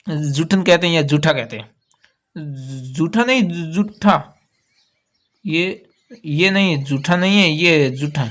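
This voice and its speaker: Male teacher, high-pitched, patient, repeats key words while going through test answers. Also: fairly bright tone. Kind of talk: exam answer walkthrough.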